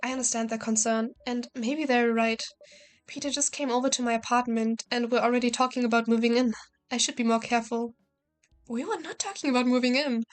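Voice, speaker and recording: A woman's voice: fairly high pitch, steady tone, brisk, clear, resonant tone, soft background music. A woman playing a visual novel, reading the text aloud and adding casual, joking commentary. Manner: casual, joking, swears and laughs at herself.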